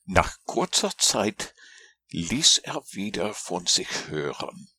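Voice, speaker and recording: A man reading a storybook aloud in a gentle, lilting storytelling manner. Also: low voice, big pitch swings, takes it slowly, slightly rough, no room sound.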